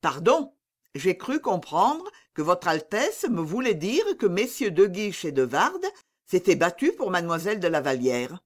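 A woman's voice: fairly low pitch, sing-song, measured pace. A woman reading an audiobook and voicing an evasive young male courtier who plays naive and stays deferential.

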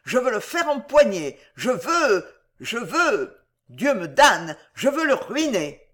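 A reader voicing a choleric old man who shouts in fits of rage, in an audiobook. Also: medium pitch, sing-song, normal speed, lightly acted. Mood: furious. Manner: loud and barking. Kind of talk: audiobook character voice.

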